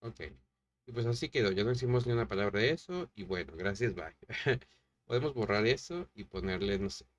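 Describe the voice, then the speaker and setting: A man hosting a writing lesson, thinking aloud while editing a story and then reading it out, with hesitant, drawn-out words. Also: on the low side, animated, a little hiss or hum. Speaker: podcast host teaching story writing.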